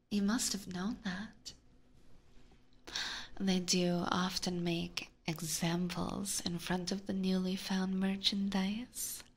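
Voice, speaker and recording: A woman with a mid-range, creaky, slightly rough voice plays a haughty, teasing, predatory vampire in an ASMR roleplay, heavily acted. She whispers breathily close to a binaural microphone, using formal, condescending diction.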